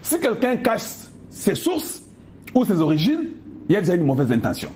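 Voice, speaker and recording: A political commentator from the Democratic Republic of the Congo, speaking with a Congolese French accent, delivers an impassioned monologue to viewers, emphatic and packed with pointed rhetorical questions. His voice is high-pitched and dark in tone, with huge pitch swings at a moderate pace. There's slight background noise.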